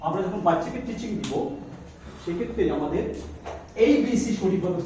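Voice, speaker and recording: A man training teachers in English pronunciation. He quizzes his audience, mixes in English phrases and drills words slowly. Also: sits high, dark tone, slight background noise. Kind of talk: classroom workshop lecture. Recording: echoey room from far off.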